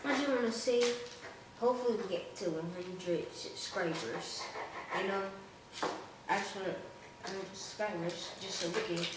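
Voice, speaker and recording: A man's voice: high-pitched, normal speed. Man talking with his mouth full. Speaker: vlogger. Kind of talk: casual mukbang chat. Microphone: camera set back from the table. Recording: echoey room, distant camera, noisy.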